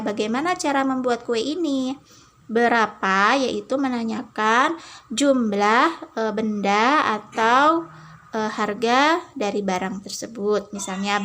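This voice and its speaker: A woman religious teacher giving a lesson to children, explaining gently and patiently with many "nah" and "eh" fillers. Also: fairly high pitch, slight background noise.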